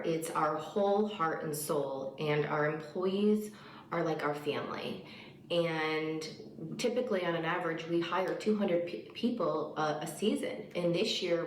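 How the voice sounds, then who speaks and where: A woman giving an informal, sincere personal testimonial as a business owner, speaking somewhat hesitantly. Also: deep voice. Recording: echoey, noisy video played at an event.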